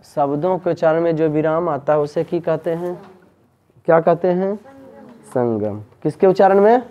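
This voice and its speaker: A man's voice: fairly high pitch, normal speed, mellow, highs cut off. A man, teaching a grammar lesson in a tuition classroom and asking students the same questions again and again. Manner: drills students with repeated questions.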